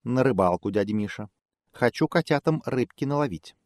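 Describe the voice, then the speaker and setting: A man's voice: mid-range voice, animated, normal speed, darkish tone, no room sound, studio quality, voice pushed up, close to an everyday voice. A man voicing a friendly male cat in a fairy tale, easygoing and polite.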